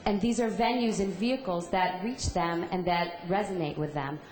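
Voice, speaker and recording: A woman's voice: on the low side, moderate pace, a little mellow. A woman speaking on a conference panel in an earnest, reflective way. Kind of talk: panel discussion answer. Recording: echoey conference hall.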